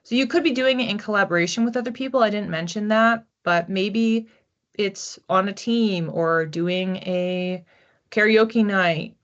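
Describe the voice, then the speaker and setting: Speaking a little slowly in a medium-pitched voice, with the recording's highs cut off, a woman hosts a psychic card reading. As the reader of a weekly collective session, she addresses her audience casually, thinking aloud with informal phrasing.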